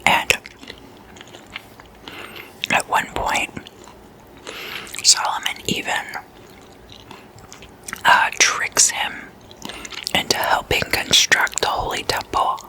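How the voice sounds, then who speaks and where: In a slow whisper full of frequent pauses, an ASMR host speaks intimately and casually, drawing out words with a breathy softness like someone telling a friend stories.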